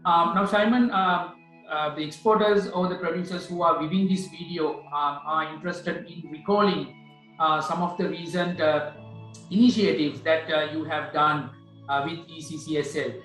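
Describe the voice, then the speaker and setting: A man's voice: fairly high pitch, fairly even intonation, moderate pace, fairly bright tone. A man hosting a webinar interview, asking formal, polite questions with some hesitation. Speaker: webinar host. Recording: echoey room with faint music.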